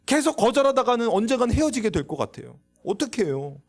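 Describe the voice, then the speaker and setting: A man's voice: extremely high pitch, quick pace, soft background music. A man preaching a youth sermon in a church, asking the listeners questions and acting out voices. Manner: lively, acts out quoted voices, asks the audience questions. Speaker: youth pastor. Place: church sanctuary.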